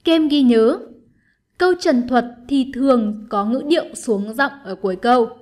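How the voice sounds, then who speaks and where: A woman teacher giving an online lesson, explaining patiently and clearly, step by step, to her students. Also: a little high, normal speed, darkish tone. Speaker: English teacher.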